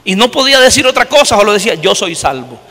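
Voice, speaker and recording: High, bright-voiced preacher. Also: male voice, quick pace, long reverb tail. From Honduras. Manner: animated storyteller, acting out dialogue, swings between loud and soft. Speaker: pastor. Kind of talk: sermon. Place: church.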